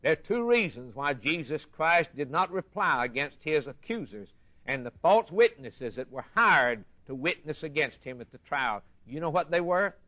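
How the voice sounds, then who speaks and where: A man with a fairly high, animated voice that sounds pushed and bright preaches a sermon, expounding scripture. He is impassioned and emphatic, deliberately repeating phrases to give them weight.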